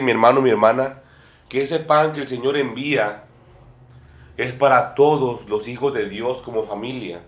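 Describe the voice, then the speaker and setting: A male preacher speaks at a middle pitch, in a room with noticeable echo. He delivers his sermon in a repetitive way, circling back on his phrases and addressing his listeners again and again as brother and sister. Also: a bit bright. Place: church room with a table and a small congregation. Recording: echoey room.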